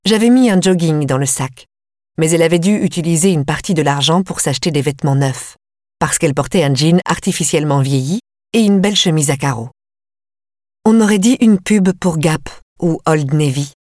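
A woman reads a first-person audiobook in a calm, measured way. Her voice sits low. The recording is close and dry, with no room sound. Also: no room sound. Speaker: audiobook narrator.

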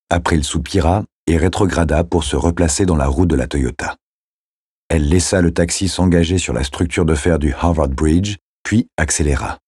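A man reading a novel aloud as narrator in a measured, steady way. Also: low voice, slightly rough, no echo, clean studio sound. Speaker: audiobook narrator. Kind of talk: scripted narration.

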